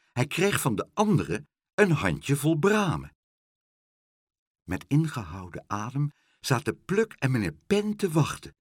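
Husky man reading a storybook slowly. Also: on the high side, dry recording, studio quality. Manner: lively character voices, playful. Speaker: narrator.

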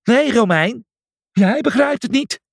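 A man's voice: on the high side, huge pitch swings, moderate pace, gravelly, slightly rough, dry recording, studio quality, exaggerated voice. A man voicing a stubborn, belligerent pig who growls and roars, in an acted children's audiobook. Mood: furious. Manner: growling, roaring. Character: belligerent, stubborn raging male fighting pig.

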